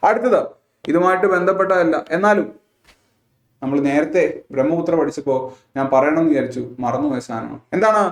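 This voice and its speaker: A man with a Malayali accent gives an exam-prep lesson in a somewhat high voice. He keeps asking quiz questions and checking that his listeners follow. The sound is roomy, with a noticeable echo. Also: animated, a little fast, long pauses. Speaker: teacher.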